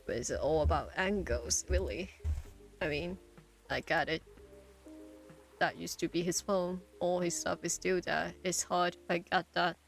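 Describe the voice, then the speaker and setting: A woman's voice: fairly low pitch, fairly even intonation, unhurried, vocal fry, soft background music. A woman reading aloud a ghost-hunting character from a game, telling the story in a wry, matter-of-fact way.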